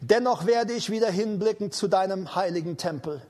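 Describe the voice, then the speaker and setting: A male preacher delivers a charismatic sermon in a strikingly high voice. He proclaims in repeated declarations and stretches his commands slowly for emphasis. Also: darkish tone.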